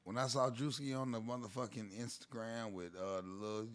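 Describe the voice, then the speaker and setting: A man's voice: mid-range voice, steady tone, a little fast, clear, resonant tone. A young adult man hosting a casual chat, teasing and playfully pushy with his questions.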